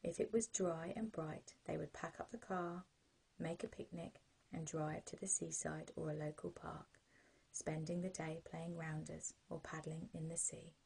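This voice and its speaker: A British woman serves as a sleep story narrator, guiding the listener gently and without hurry. Her voice is low-set and very breathy, with a soft, mellow warmth. The delivery is calming bedtime storytelling for children. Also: poor audio. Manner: gentle, calming, unhurried guidance.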